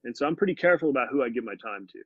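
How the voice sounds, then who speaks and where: Muffled, dry video call audio from a laptop mic carries a very fast, expressive, mid-range male voice with a breathy edge and no echo. He's in his forties, guesting on a podcast from a living room with bookshelves, talking earnestly and animatedly in a casual interview.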